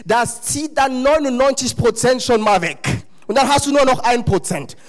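A man preaching a sermon to a congregation, emphatic and animated, with wry humorous asides. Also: extremely high pitch, normal speed.

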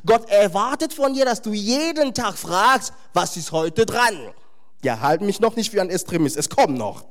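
A male preacher delivering a sermon with a high voice that leaps up and down all the time. He talks emphatically to his listeners and drops in wry, humorous asides.

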